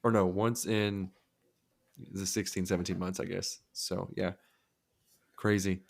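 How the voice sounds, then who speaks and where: A man's voice: low-pitched, measured pace, gravelly. A man co-hosting a podcast, telling a long story in casual chat, swearing freely and acting out what people said. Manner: animated, profane, acts out quoted dialogue. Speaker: podcast co-host.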